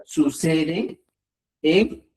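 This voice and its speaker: A man teaching a live online language lesson who keeps checking that students follow and slows down to stress key words. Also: a little high, lively intonation, a little mellow. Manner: repeats checks like "¿ya?" and "ojo". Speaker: Quechua teacher. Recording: roomy, distant sound.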